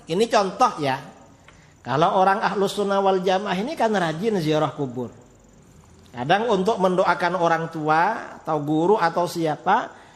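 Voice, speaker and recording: A man preaching a religious lecture, arguing his point with rhetorical questions. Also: high voice. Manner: rhetorical questions, lively and argumentative. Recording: long hall reverb.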